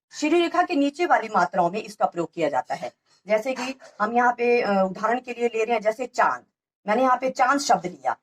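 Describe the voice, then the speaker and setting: A woman teaching a grammar lesson to children, patiently spelling out letters one by one. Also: on the high side.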